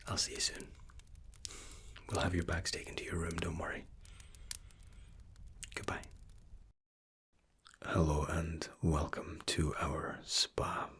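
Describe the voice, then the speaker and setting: Deep-voiced man whispering softly. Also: husky. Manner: soft, unhurried whisper, courteous and soothing. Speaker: ASMR role-player as hotel and spa staff. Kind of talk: ASMR role-play.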